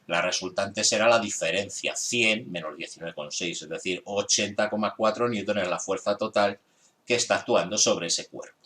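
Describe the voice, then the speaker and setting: A man's voice: fairly low pitch, fairly bright tone. A man who is a physics teacher, methodically working through an exam solution step by step for his students. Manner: exasperated with students' grades.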